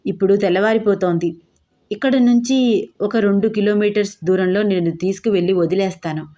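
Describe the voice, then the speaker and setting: A woman's voice: medium pitch, fairly quick, warm tone, close to an everyday voice. A woman voicing a pushy, sly young man in a story.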